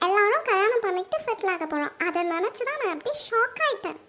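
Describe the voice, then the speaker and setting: A woman acts out a sulky young bride-to-be in a family drama, with a voice pitched far up and a thin, squeaky edge. She whines and pleads in a restless, petulant way, as if nothing ever goes her way. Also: sing-song, quick pace, sharp tone, heavily acted. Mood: embarrassed. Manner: whiny, pleading.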